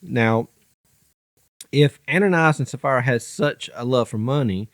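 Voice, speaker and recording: A man's voice: medium pitch, unhurried, no room sound, studio quality. Southern man reading scripture on a podcast. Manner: reads scripture aloud, stumbling now and then. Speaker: podcast co-host. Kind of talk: casual Bible study chat.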